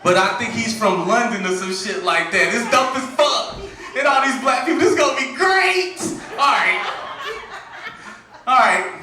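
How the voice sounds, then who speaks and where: A man hosting a comedy show, loudly hyping the crowd and introducing acts. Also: very high-pitched, expressive, normal speed, very echoey, far from the mic. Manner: loud, hype, profane. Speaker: show host. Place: comedy club stage.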